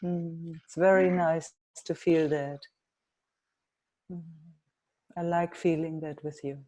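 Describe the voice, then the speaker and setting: A woman hosts a gentle online meeting, talking very slowly in a low, mellow voice. She sounds soft and reassuring. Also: fairly even intonation. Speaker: meeting host and facilitator. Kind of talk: gentle guided group meeting. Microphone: video call.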